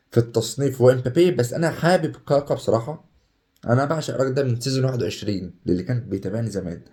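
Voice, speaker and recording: Young Egyptian gaming YouTuber, quick and warm-toned, hyped and chatty. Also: male voice, mid-range voice. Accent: Egyptian Arabic. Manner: excitable, chatty, swings between hype and groans. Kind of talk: casual gameplay commentary.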